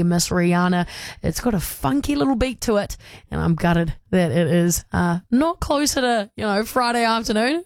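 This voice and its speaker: A woman's voice: mid-range voice, a little mellow, no echo, clean studio sound. A woman with a New Zealand accent casually presenting a radio music countdown.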